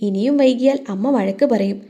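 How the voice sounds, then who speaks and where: A woman's voice: a little high, brisk, mellow, close to an everyday voice. A woman voicing a playful, teasing young husband in a romantic audio story. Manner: teasing, mischievous.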